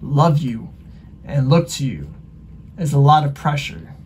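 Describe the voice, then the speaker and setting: A man hosting a reaction channel, casually explaining song lyrics in a relaxed way full of fillers. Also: fairly high pitch, measured pace, husky. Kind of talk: casual music reaction commentary.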